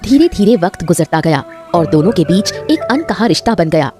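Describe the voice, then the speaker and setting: A woman narrating a cartoon story with expressive, scripted storytelling. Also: on the low side, normal speed, music in the background.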